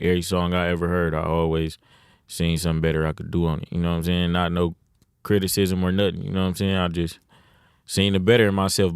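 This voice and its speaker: Deep-voiced laid-back man from Detroit. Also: gravelly, clean tone, no room sound, studio quality. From Detroit, USA. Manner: laid-back, heavy slang, many "you know what I'm saying". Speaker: rapper, podcast guest. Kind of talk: casual interview.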